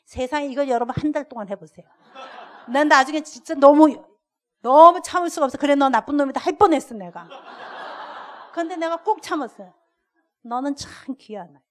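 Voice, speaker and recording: An older woman, a guest lecturer, preaching a sermon and telling lively stories with acted-out dialogue. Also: high voice, moderate pace, long pauses. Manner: animated storyteller acting out dialogue. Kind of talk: sermon with storytelling.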